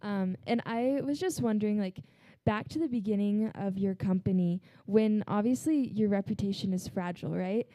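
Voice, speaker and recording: A woman's voice: medium pitch, normal speed, no echo, muffled recording. A woman in the audience politely asking a speaker a question, a little hesitant.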